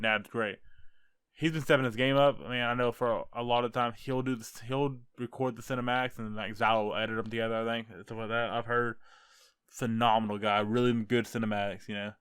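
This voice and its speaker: A man's voice: mid-range voice, fairly even intonation, fairly quick, fairly bright tone, smooth, no room sound, clean studio sound. A young American man casually ranking fellow creators, rambling and joking as he goes. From United States. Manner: rambling, self-correcting, jokey. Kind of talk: casual tier-list commentary.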